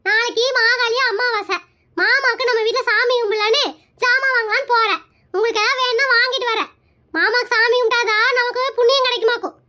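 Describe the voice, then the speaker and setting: A woman's voice: very high-pitched, steady tone, brisk, sharp tone. A woman voicing a cheeky young daughter-in-law in a cartoon skit, teasing and sarcastic.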